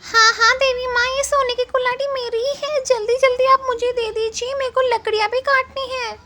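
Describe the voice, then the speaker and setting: A woman's voice: extremely high pitch, level tone, normal speed, noisy background. Woman playing a greedy scheming crow.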